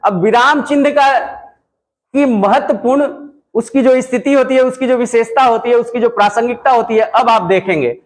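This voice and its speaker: A man's voice: extremely high pitch, moderate pace. A man teaching a classroom lesson, explaining step by step and repeating points for emphasis, with a Bihari Hindi accent. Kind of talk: classroom lecture. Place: classroom with a writing board.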